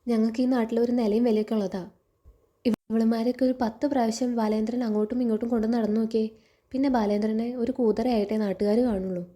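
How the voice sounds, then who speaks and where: A woman's voice: a little high, steady tone, fast talker, dark tone, close to an everyday voice. A woman reading the lines of a domineering, wealthy middle-aged lady of the house in a scornful, scolding way.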